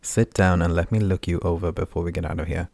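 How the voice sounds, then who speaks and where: A man reading the lines of a gruff, brisk woman warrior in an audiobook, grunting out commands. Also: low voice, fairly even intonation, a little mellow, no echo. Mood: brusque.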